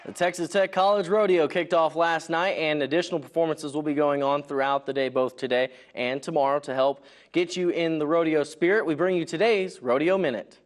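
A man delivering scripted sports news and highlight narration in the manner of a news reporter and anchor. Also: steady tone, fairly quick, hardly any pauses, a little hiss or hum.

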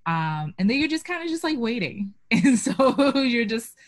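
Speaking through a webcam from a small room at home, a young woman from Boston is interviewed as a guest on a video call, chatting loosely and leaning on fillers like "um" and "like." Her voice is on the high side, with big pitch swings, a moderate pace and no echo.

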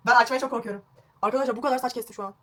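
Fast-talking chatty young woman vlogger. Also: a little high. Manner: chatty, self-mocking, swearing, excitable. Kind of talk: casual home haircut vlog. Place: at home indoors.

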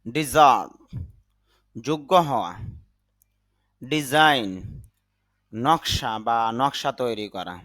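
Bright-voiced man teaching word by word. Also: medium pitch, lively intonation. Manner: repeats words slowly, then gives the meaning. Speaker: English vocabulary teacher. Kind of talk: slow vocabulary lesson.

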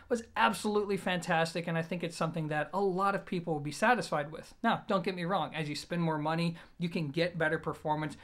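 With a high-leaning, fairly bright voice, a man hosts an audio gear review to camera. His delivery is conversational and emphatic, explaining things informally, and he sits in a small indoor room against a plain wall.

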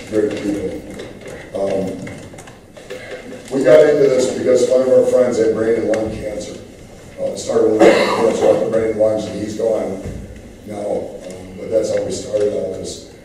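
A man who is losing his voice speaks earnestly, with many fillers, while standing at the podium during public comment in a large city council chamber. His voice is fairly low and dark, and the recording sounds roomy and distant with slight background noise.

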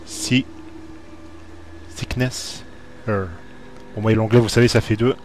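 A man's voice: fairly low pitch, level tone, takes it slowly, slight background noise. Jumpy man commenting a horror game. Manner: jumpy, talks to the screen and viewers. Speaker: let's play gamer.

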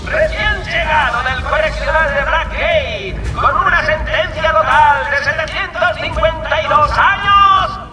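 Manic, high-pitched Joker clown villain. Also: male voice, measured pace, hardly any pauses, some chatter behind, slight background noise, heavily acted. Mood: mocking showman. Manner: taunting showman, wildly theatrical. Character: manic, mocking, theatrical adult male clown villain. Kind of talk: video game dub acting. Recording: echoey, distant, loud music behind.

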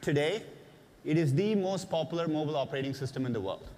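A man in his forties giving a keynote on a large conference stage through a headset mic, speaking in a measured, earnest way with a few "uh" fillers. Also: fairly high pitch, expressive, a little mellow. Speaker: keynote presenter. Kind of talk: keynote speech. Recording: long hall reverb.

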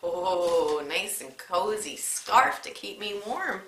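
A young woman leading a children's story time, speaking slowly and encouragingly in a sing-song way, as if to small children. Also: medium pitch, animated, fairly bright tone. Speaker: children's librarian. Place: library room. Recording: echoey room.

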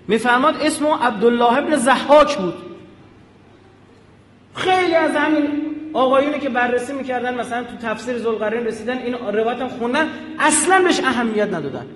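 A man giving an animated public lecture, often checking with his audience through quick rhetorical questions. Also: very high-pitched. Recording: echoey hall with long reverb.

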